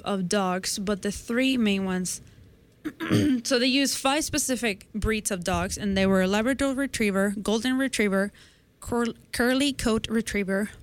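Woman in her 20s, science podcast cohost, chatty step by step explainer, medium pitch. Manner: explains a study step by step in a conversational way. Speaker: podcast co-host presenting science news. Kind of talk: casual science chat.

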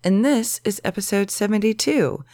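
A woman hosting her own podcast in casual solo chat, her voice a bit lower and rougher than usual because she is sick. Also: normal speed, no echo, studio quality. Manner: chatty, relaxed, talks straight to listeners. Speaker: podcast host.

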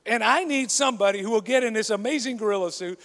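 A man's voice: high-pitched, fast, fairly bright tone. A man voicing a zoo manager who explains, matter-of-fact, the one job he has. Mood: explaining. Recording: long reverb of a large hall.

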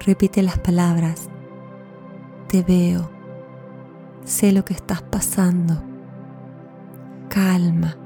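A woman hosting a podcast and leading a guided mindfulness meditation in a soothing, gentle, unhurried way. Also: on the low side, level tone. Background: soft new-age music.

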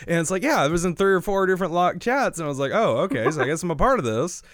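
A man's voice: sits high, expressive, fairly bright tone, dry recording, clean studio sound. A man co-hosting a podcast in casual, teasing chat. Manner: quick, teasing, laughing. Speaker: podcast co-host.

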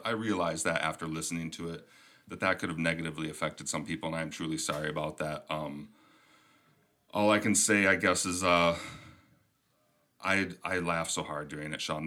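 A man's voice: extremely low pitch, bright, forceful tone. A young man with a Minnesotan accent hosting a casual podcast, rambling and self-deprecating with easy chuckles. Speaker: podcast host.

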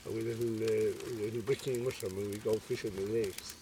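A man's voice: lowish voice, fairly even intonation, quick pace, background noise. A man with a West of Ireland accent in casual outdoor chat, often repeating his phrases. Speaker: local angler.

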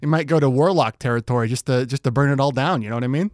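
A man of middle pitch hosting a podcast, trading dry, deadpan jokes in an easy, unhurried way. The sound is dead dry and close-miked. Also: no room sound. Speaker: podcast host. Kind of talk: casual chat.

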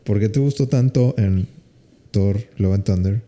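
Low, dark-voiced man chatting. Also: unhurried. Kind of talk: casual chat.

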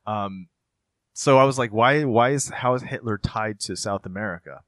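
Low-voiced man in his thirties, dry sound. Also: moderate pace, a bit bright, dry recording. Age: 30s. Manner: long meandering explanations. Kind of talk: casual chat.

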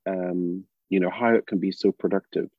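An older man from Northern Ireland with a Northern Irish accent, speaking as a drama educator in a thoughtful, halting way with many restarts. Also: low-pitched, fairly even intonation, husky, dry recording, phone-quality sound. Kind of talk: reflective interview talk.

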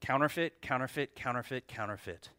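A man's voice: mid-range voice, fairly quick, bright, forceful tone, no echo. A man preaching a sermon at a pulpit microphone. He stresses key words, repeats them, and puts rhetorical questions to the congregation. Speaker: pastor.

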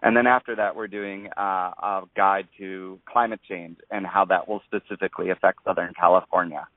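Low-voiced man, halting radio guest. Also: fairly even intonation, no room sound. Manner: halting, searching for words. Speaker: interview guest. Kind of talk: informal explanatory interview talk. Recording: dry, tinny narrow radio sound.

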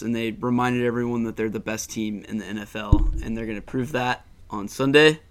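A young man hosting a sports podcast, chatting loosely and profanely. His voice is mid-pitched, and his sentences often fade off quietly. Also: clear, resonant tone. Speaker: podcast host. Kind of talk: casual sports chat.

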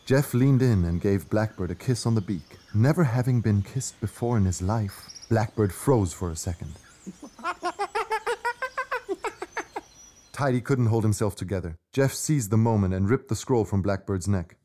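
A male narrator reads a children's adventure story. His voice is dark, mellow and a little low. Faint jungle ambience sits behind him. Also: moderate pace, hardly any pauses, a little hiss or hum.

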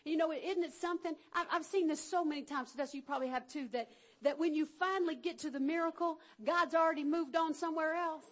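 A woman delivers an energetic sermon in a high, bright-toned voice. She speaks in a folksy way, calling out to her listeners and acting out the figures in her stories. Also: fast talker. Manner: energetic, calls out to the congregation; folksy, acts out the Bible figures. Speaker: preacher.

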